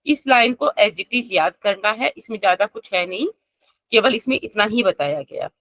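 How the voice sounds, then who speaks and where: A woman teaching an online yoga class, explaining step by step, chanting verses slowly and asking her students questions. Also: fairly high pitch, a bit bright, no echo.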